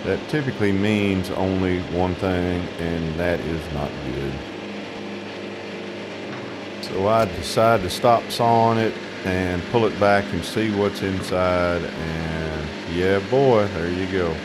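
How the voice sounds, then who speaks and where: A man's voice: low-pitched, measured pace, few pauses, heavy background noise. Wry grumbling Southern man. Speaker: sawmill owner. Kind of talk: voice-over narration of work video.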